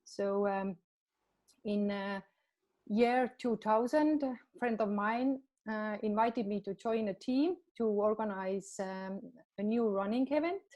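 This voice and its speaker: A woman in her forties from Estonia, a native Estonian speaker, answering interview questions in halting English with many fillers and restarts. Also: mid-range voice, a little mellow. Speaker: marathon general manager. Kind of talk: podcast interview.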